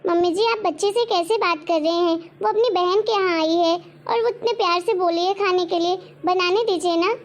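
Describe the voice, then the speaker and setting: A woman playing a patient young daughter-in-law who gently pleads with her mother-in-law and protects her little sister in a homemade family drama. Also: very high voice, moderate pace, hardly any pauses. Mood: pleading. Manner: soft, pleading, polite. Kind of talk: homemade web-drama acting.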